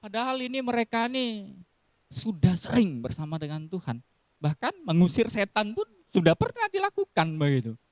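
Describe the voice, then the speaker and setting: A man's voice: high-pitched, sing-song, normal speed, no room sound, studio quality. A man giving a casual sermon in style, telling stories with acted quotes and frequent laughs. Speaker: preacher.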